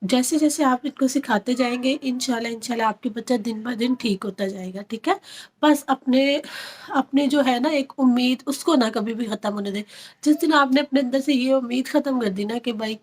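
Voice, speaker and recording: A woman talks casually and earnestly to other parents. Her voice sits a little high. She repeats phrases and leans on fillers as she explains. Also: moderate pace, husky. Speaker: parent vlogger. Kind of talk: casual advice talk to parents.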